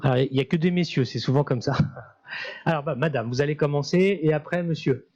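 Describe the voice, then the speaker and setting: Male moderator, slightly high voice, hesitant and informal, dull muffled recording. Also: a little mellow. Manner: halting, searching for words. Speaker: panel moderator. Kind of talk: informal moderating of a public discussion.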